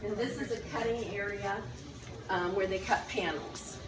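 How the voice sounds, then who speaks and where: A woman's voice: mid-range voice, fairly even intonation, normal speed, over music. A woman guiding an informal tour, explaining things as she goes, recorded in a large indoor warehouse. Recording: echoey, noisy warehouse, distant microphone. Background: loud warehouse ambience.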